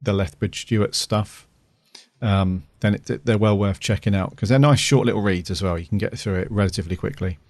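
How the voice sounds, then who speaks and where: Low-voiced man, dry close recording. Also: brisk, a little mellow, no echo. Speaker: podcast host. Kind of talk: casual chat.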